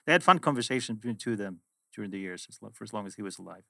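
Talking very fast with lively intonation, this man has a lowish, creaky voice that sounds pushed and bright. He is a middle-aged finance executive from Sweden, a native Swedish speaker with a Swedish accent, reflecting on his work through stories as a guest in a casual interview.

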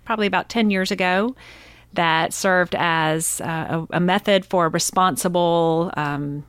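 A woman's voice: fairly low pitch, fairly even intonation, unhurried, fairly bright tone, clean tone, no echo, studio quality. A woman speaking as a radio interview guest, upbeat and enthusiastic, with a few fillers. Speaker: nature center president.

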